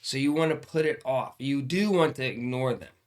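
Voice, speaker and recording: A man's voice: medium pitch, expressive, moderate pace. An older man hosting a casual comedy advice chat, talking like a grumpy old man in a blunt, mock-stern way. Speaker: podcast host giving advice as a grumpy grandpa.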